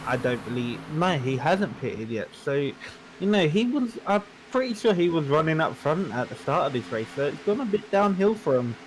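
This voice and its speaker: A man as co-commentator on a sim race, giving relaxed, easygoing analysis. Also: a little high, moderate pace, a little hiss or hum, rough recording. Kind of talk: sim racing colour commentary.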